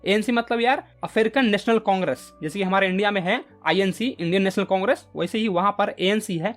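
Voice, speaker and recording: A man from India teaching a lesson at a quick clip. He explains things casually and conversationally, as if talking to friends, and keeps asking whether his listeners are following. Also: high-pitched. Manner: chatty, keeps saying "yaar" and "theek hai".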